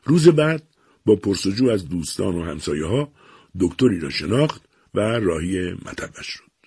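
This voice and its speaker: A man narrating a storybook aloud in an expressive reading voice. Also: sits low.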